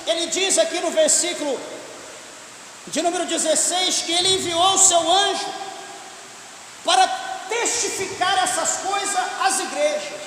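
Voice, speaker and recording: A man preaching a sermon as pastor, impassioned and often shouting. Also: extremely high pitch, measured pace, pauses often. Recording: echoey church hall with hiss.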